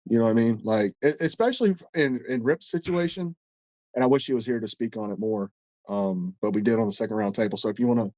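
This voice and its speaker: A podcast co-host, stuffed up and congested, tells a long story in a rambling, profane way with many restarts. His medium-pitched voice has a darkish tone, and the recording sounds muffled with no room sound.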